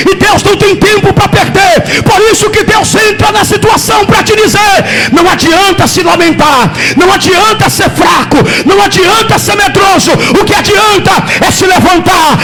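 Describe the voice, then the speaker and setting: Shouting high-voiced preacher. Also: male voice. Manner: fervent, repetitive preaching with call-and-response. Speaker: bishop. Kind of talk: shouted sermon.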